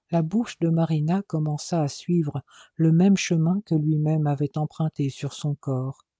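A man reading an audiobook in a measured, soft, unhurried way. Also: fairly high pitch, dry recording. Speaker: audiobook narrator. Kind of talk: scripted narration.

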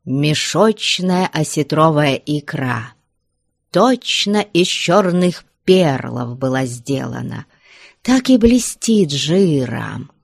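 Low, expressive woman reading a story. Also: slow pace, gravelly, no echo, clean studio sound. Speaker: narrator. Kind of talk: audiobook reading of classic prose.

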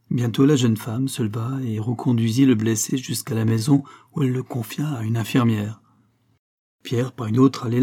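A man reading a short story aloud in a calm, measured way. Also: mid-range voice, breathy edge. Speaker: audiobook narrator.

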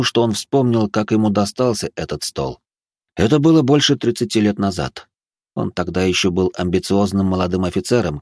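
A man narrating a fantasy audiobook in a steady, measured reading. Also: deep voice, no echo, clean studio sound.

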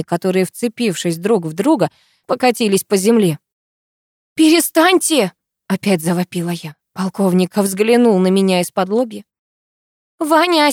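A woman reading a first-person novel aloud as an audiobook narrator, with an emotional, expressive delivery. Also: medium pitch, no room sound, clean studio sound.

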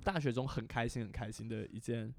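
A man's voice: mid-range voice, fairly quick, creaky, dry recording. A young man, co-hosting a casual podcast and telling a story with lots of laughs. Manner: laughs often, animated storytelling. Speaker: podcast co-host.

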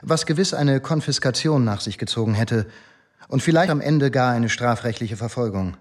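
Playing the same kind of role in German radio drama dialogue, the actor portrays a male police inspector, deferential but confident, formal and measured as he justifies himself. The medium-pitched voice has lively intonation and is lightly acted.

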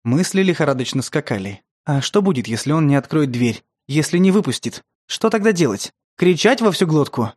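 A man narrating a tense story in a steady, scripted audiobook style. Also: on the high side, a little fast, hardly any pauses.

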